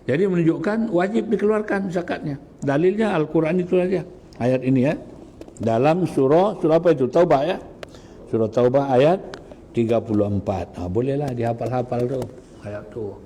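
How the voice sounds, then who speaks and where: A man with a Sabah Malay accent delivers a religious lesson in a mellow, warm voice. He recites Arabic verses and then explains them, often pausing to ask his listeners questions. Faint noise sits under the recording. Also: fairly high pitch, big-room sound. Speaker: religious teacher. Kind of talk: Islamic lecture explaining Quranic verses.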